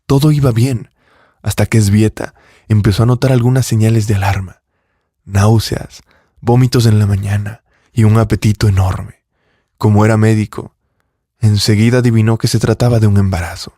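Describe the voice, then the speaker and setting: A male storyteller narrating a scripted drama in a low voice. His reading is steady and even, warm and mellow in tone. The recording is dry and close. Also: moderate pace, no echo.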